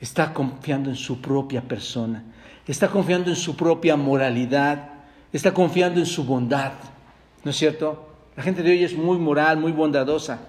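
Man preaching, voice sitting a bit high, quizzes the congregation and stammers through repeats, rises to loud peaks. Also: moderate pace. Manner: preaching with rhetorical questions, often addressing "hermanos"; repeats and restarts words, rising to loud emphasis. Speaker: pastor. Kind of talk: sermon. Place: church service.

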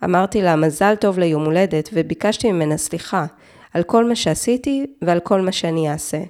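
A woman narrating a true-crime story, reading in a measured way with short, clipped phrases. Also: on the low side, darkish tone. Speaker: podcast narrator.

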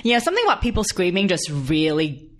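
Low-voiced woman co-hosting a chat. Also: big pitch swings, fast talker. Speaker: podcast co-host. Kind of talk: casual chat.

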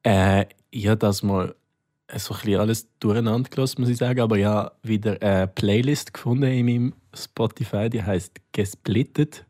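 A man's voice: lowish voice, normal speed, dark tone. A man with a Swiss German accent co-hosting a podcast, joking around in casual chat with frequent fillers. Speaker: podcast co-host.

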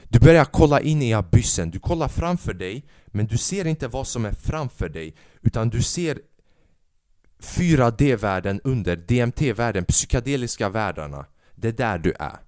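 A man hosting a podcast, telling a story in a casual monologue, animated and swearing, acting out the people he quotes. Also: medium pitch, no room sound, studio quality. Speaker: podcast host; stand-up comedian.

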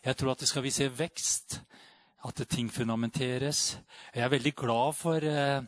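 A man preaching a charismatic sermon, fervent and full of amens and hallelujahs, rising to loud exclamations and dropping to quiet reflection. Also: mid-range voice, fairly even intonation, no room sound. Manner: peppers speech with amen and hallelujah.

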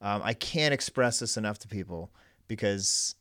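A man's voice: lowish voice, expressive, normal speed, a bit bright, dry recording, clean studio sound. A man co-hosting a podcast, talking in a loose, rambling way with lots of fillers and restarts. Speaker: podcast co-host. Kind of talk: casual chat.

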